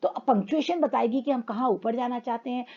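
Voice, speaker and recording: A woman teacher explaining a grammar lesson in a classroom style, calling her students children and reading examples slowly. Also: on the high side, warm tone, muffled recording. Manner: addresses students as children, reads English lines slowly.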